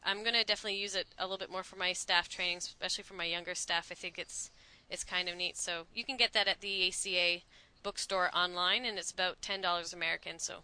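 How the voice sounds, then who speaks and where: A woman's voice: fairly low pitch, steady tone, fast talker, pushed and bright, clean tone, rough recording. A woman from Canada co-hosting a casual chat podcast, chatting about a book she recommends. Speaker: podcast co-host.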